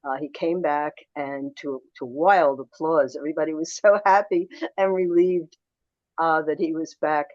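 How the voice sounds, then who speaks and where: Older woman, interview guest, low voice, reflective anecdotes, dull muffled sound. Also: fairly even intonation, normal speed, darkish tone, no room sound. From suburban Philadelphia. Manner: reflective, anecdotal, with restarts and quoted dialogue. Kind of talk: storytelling interview answers.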